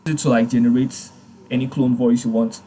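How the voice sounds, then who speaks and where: A man hosting a casual software tutorial, hesitant, with many fillers and restarts. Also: mid-range voice, flat delivery, fairly quick, slight background noise. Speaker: tutorial host. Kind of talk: casual screen-recorded tutorial.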